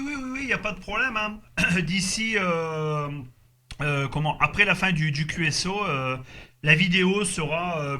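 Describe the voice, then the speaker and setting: Faint background noise sits under this casual radio contact chat from a man whose voice is on the high side with a sharp tone. He's an amateur CB operator recording the group contact, and he repeats his phrases hesitantly and agreeably.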